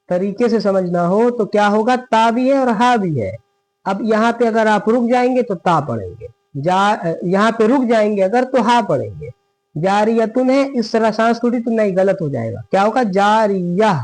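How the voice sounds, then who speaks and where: High-voiced man teaching recitation patiently. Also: darkish tone, poor audio. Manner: patient, repetitive, asks and answers his own questions; slows to a drawn-out chant for example verses. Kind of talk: lesson.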